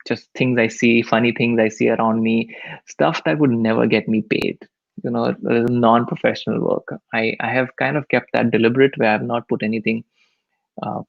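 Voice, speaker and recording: A man's voice: medium pitch, gravelly, no echo, highs cut off. A man with an Indian accent speaking casually and candidly as a guest on a live stream, self-effacing in manner. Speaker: photographer and teacher, webinar guest.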